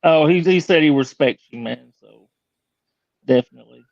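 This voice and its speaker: Easygoing guy on a video call, kinda high voice, dull muffled dry audio. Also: normal speed, no room sound. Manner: laid-back and agreeable, loose slangy talk. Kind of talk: casual livestream chat.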